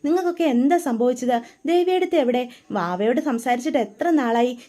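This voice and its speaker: A woman's voice: high-pitched, animated, a little fast, mellow. A woman voicing an affectionate young woman just back home, who asks eager questions one after another.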